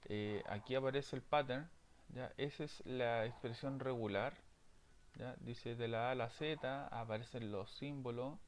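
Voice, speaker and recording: A man's voice: mid-range voice, a little slow, a little hiss or hum. A man teaching programming in a screen-recorded lesson, checking in often with his students. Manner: frequent "¿ya?" check-ins, explanatory.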